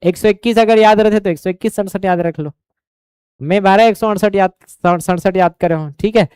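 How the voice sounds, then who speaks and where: A man's voice: high-pitched, fairly quick, a little mellow, clean tone, dry recording, studio quality. A man with a Chhattisgarhi accent teaching an exam coaching class, drilling numbers over and over and often asking if the students follow.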